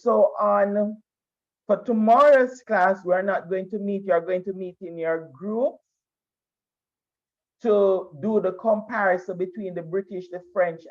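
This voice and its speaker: Slow-talking male teacher on a video call. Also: high voice. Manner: repeats and restarts phrases as he explains. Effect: video call audio. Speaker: history teacher. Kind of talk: online class lecture. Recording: dull lo-fi video call sound.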